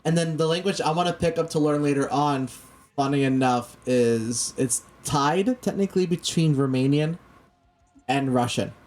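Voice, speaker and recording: A casual talk show host whose first language is Spanish. They speak slowly and deliberately, often restarting mid-sentence, at an average pitch. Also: a little mellow. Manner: deliberately slow, careful speech with frequent restarts.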